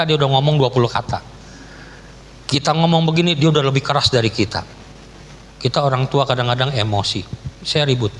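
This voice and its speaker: Joking pastor in echoing church. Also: male voice, mid-range voice, a little hiss or hum. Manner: casual, joking, Jakarta slang. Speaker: guest pastor. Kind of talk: sermon. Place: church hall. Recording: church PA with long reverb.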